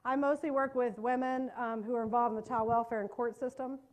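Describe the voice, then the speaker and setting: Her voice leaning high, steady and a little mellow, a Southern-accented middle-aged woman from North Carolina works as a trauma care trainer. In a meeting room she gives a live audience a fast, chatty training talk laced with self-deprecating humor.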